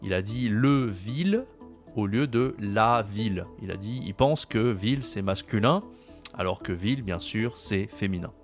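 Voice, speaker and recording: A man with a French accent explaining French usage to learners, patiently repeating key phrases slowly. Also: lowish voice, soft background music. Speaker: French teacher.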